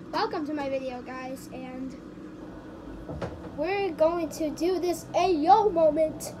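A gamer's voice pushed through a voice changer into a very high, squeaky register. The talk is slow and drawn out, breaking into excited yelps at the game, over a clearly noisy background. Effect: pitch-shifting voice changer. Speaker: gaming video creator. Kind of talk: casual gameplay commentary.

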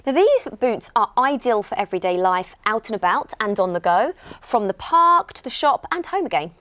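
Higher-pitched, animated British woman presenter. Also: normal speed, dry recording. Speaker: shopping channel presenter. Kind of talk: scripted product demonstration. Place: TV studio lounge set.

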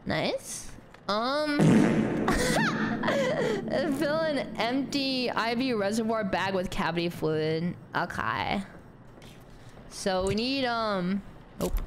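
A young woman streaming a game, chatting to her viewers, giggling and filling pauses with "um". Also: mid-range voice, noisy background. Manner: talks to chat, animated, giggly, mumbles "um" often. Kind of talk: casual gameplay commentary.

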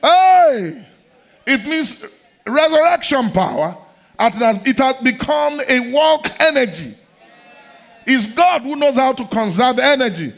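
A middle-aged man preaching a sermon in a large church hall, fervent and repetitive, often breaking into shouts. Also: extremely high pitch, sing-song, takes it slowly.

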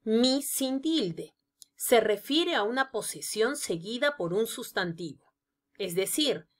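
A woman narrating a scripted grammar lesson, explaining each example slowly and deliberately. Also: on the high side, animated. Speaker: teacher.

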